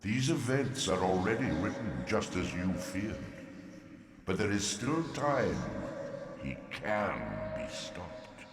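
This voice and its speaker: Game oracle, ancient elder god: deep, slow, grandiose, ominous and solemn. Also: male voice, lively intonation. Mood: solemn, coaxing. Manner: grandiose, portentous, drawn-out delivery. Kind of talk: theatrical video game voice acting. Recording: cavernous echo with long reverb, music.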